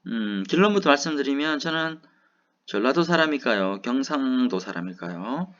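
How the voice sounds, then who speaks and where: On dull-sounding audio, a Gyeongsang-accented Korean man in his forties, from the Gyeongsang region, gives a lecture where he asks rhetorical questions and then answers them. He speaks animatedly at a moderate pace, his mid-range voice fairly bright in tone.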